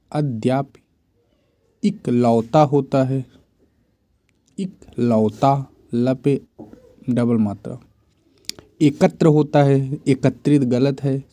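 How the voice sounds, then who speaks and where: A man's voice: mid-range voice, warm tone, no echo. A man teaching Hindi grammar for exam preparation, reciting correct spellings in short, repeated phrases. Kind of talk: exam-prep spelling drill.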